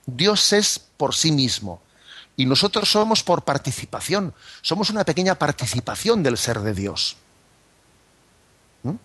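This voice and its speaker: A man's voice: fairly high pitch, very animated, unhurried, long pauses, pushed and bright, breathy edge, no room sound. A man explaining scripture as a catechism teacher, speaking thoughtfully with frequent tag questions and fillers.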